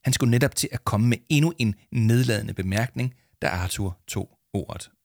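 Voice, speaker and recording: A man reading a children's audiobook as narrator in a steady storytelling manner. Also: on the low side, gravelly, dry recording, clean studio sound. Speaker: audiobook reader. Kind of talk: scripted narration.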